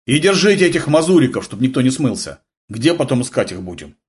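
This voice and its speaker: A man's voice: mid-range voice, big pitch swings, fast talker, lightly acted. A man voicing a tough male major who barks short, curt orders in battle, in an audiobook. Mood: barking orders.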